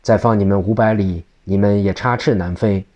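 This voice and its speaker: A man's voice: fairly low pitch, fairly even intonation, normal speed, a little mellow, dull audio, natural voice. A man voicing an arrogant old demon Taoist priest who makes haughty, boastful threats.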